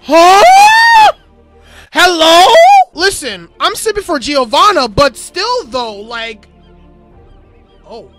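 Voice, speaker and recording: A young man commentating his own fighting-game matches, panicking, cheering and talking himself calm. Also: extremely high pitch, slow pace, pauses often, over music. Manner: excitable, shouts and panics during fights; talks himself calm with repeated okays. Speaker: gaming streamer. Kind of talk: live gameplay commentary.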